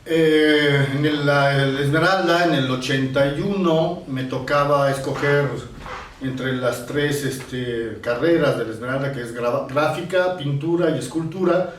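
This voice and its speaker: An Italian painter in his sixties reminisces in an interview, speaking reflectively in a voice on the high side and often pausing to search for the next word. He sits some distance from the mic in a noticeably reverberant room. A faint hum of ambience runs beneath his voice.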